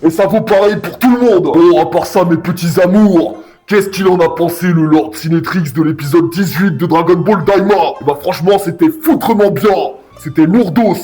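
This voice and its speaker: High-voiced man in a blunt, slangy rant. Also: normal speed, hardly any pauses, dark tone, faint music behind. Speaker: YouTube anime reviewer. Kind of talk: casual review commentary rant.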